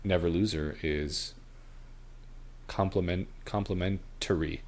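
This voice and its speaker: A man's voice: sits low, fairly even intonation, slow, darkish tone. A man in his thirties hosting a casual gaming podcast, leading the talk and laughing often. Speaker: podcast host. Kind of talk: casual chat.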